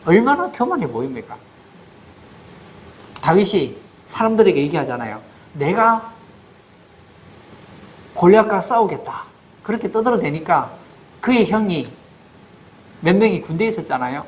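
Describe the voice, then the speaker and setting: A man's voice: on the high side, big pitch swings, moderate pace, pauses often, a little hiss or hum. A man preaching a sermon as pastor in a church, asking the congregation rhetorical questions.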